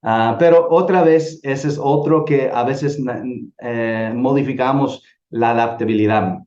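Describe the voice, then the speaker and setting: A middle-aged man from El Salvador giving an earnest church missions lecture, often pausing and restarting phrases. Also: medium pitch, darkish tone. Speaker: missions teacher. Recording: roomy, dull lo-fi sound.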